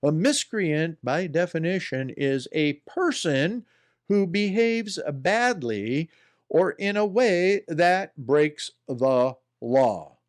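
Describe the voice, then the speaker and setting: A man's voice: a little high, sing-song, takes it slowly. A man hosting a political commentary show in a folksy, rambling style, often talking to himself. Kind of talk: casual spoken commentary.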